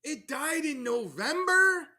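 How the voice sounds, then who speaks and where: A Canadian man hosting a livestream rants casually, mocking others crudely and profanely. His voice is extremely high-pitched, bright, and forceful, animated yet slow.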